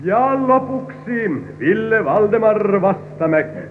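Brief: lively-voiced, ceremonious headmaster on a hissy, phone-thin old radio play. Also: male voice, sits high. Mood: solemn. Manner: ceremonious, declaiming. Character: solemn older male school headmaster. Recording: tinny old radio recording with hiss.

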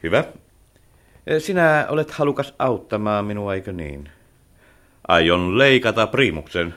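An older man playing an aging architect in a radio play, commanding at times and gentle at others. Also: on the low side, lively intonation. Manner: commanding, then wistful and gentle. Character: aging male architect, stern yet tender. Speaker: old architect character.

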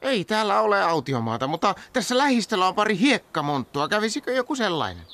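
A man's voice: sits high, big pitch swings, fairly bright tone, no echo, full character voice. A man voicing a skeptical, matter-of-fact male stoat. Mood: dry.

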